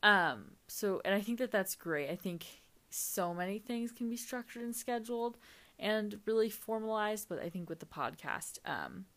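A woman's voice: mid-range voice, lively intonation, normal speed, a bit bright. A teenage girl hosting her own podcast, chatting casually and rambling with lots of fillers and restarts, a little tired. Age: teens. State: tired, yawning. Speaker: podcast host. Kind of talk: casual solo podcast chat.

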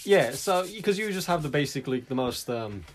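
A man's voice: medium pitch, expressive, slight background noise. A young man co-hosting a casual podcast, swearing freely and chattering. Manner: swears a lot, laughs, quick chatter. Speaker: podcast co-host.

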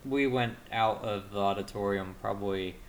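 A man chatting casually, recounting a show in a measured way. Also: lowish voice, slight background noise. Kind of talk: casual chat.

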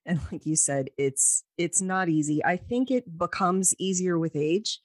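A woman in her forties with a very low voice talks haltingly in a casual chat, often pausing to search for words. The sound is dry and close, with no room echo. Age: 40s.

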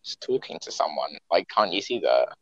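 A man's voice: deep voice, very animated, a little fast, a bit bright, muffled recording, slight background noise. A young man playing in a tabletop game over voice chat, jokey and teasing, laughing often. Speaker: player.

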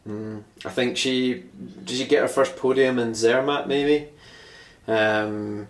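A man's voice: medium pitch, fairly even intonation, takes it slowly. A man co-hosting a podcast, chatting casually about sport. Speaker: podcast co-host. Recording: echoey room, distant mic.

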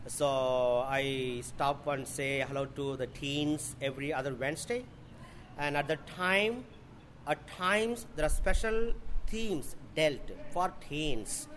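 A man, a parish priest, answering an interview in halting, hesitant phrases. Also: fairly bright tone. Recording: noisy location with background rumble.

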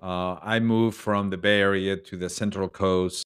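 A man's voice: sits low, fairly even intonation, a little slow, fairly bright tone, smooth. A man hosting an interview, speaking earnestly and agreeably while sharing his own story. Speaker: podcast host. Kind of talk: conversational interview.

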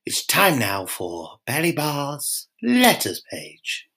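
A man voicing a brash, foul-mouthed middle-aged country pub landlord who talks loud and boastful in a comedy podcast. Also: fairly high pitch, huge pitch swings, takes it slowly, heavily acted. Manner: boastful, loud, swears a lot. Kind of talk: comedy podcast character monologue.

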